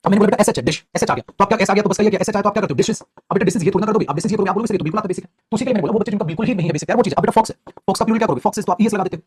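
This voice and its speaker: Male teacher, young adult, husky, rapid and repetitive, live class lecture. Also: high voice. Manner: fast, repetitive, calls students beta. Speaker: English grammar teacher.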